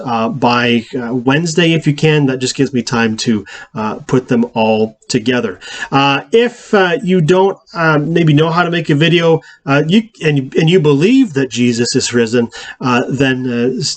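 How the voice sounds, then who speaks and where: A male pastor giving weekly church announcements, speaking haltingly with many fillers and restarts. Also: mid-range voice.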